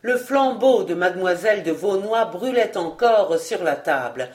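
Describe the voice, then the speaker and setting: Audiobook reader, classic novel narration, steady, expressive. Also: mid-range voice, unhurried.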